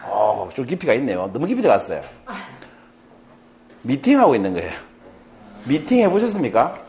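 A man's voice: mid-range voice, wildly swooping pitch, fairly quick, darkish tone. A middle-aged man giving a lecture, playful and joking as he quizzes his audience. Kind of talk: lively lecture with audience questions.

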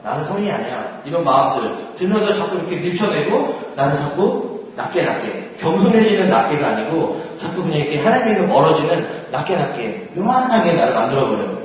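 A man's voice: fairly high pitch, big pitch swings, a little fast, a little hiss or hum. A man giving a casual faith talk to a group, often laughing and acting out quoted prayers and thoughts. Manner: laughs often while talking. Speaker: speaker at a church gathering. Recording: echoey hall from far off.

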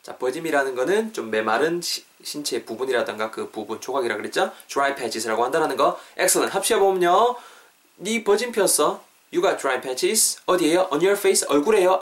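A man hosting a podcast English lesson. He repeats English phrases slowly and explains them quickly. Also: a little high, a bit bright. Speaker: English teacher, podcast host.

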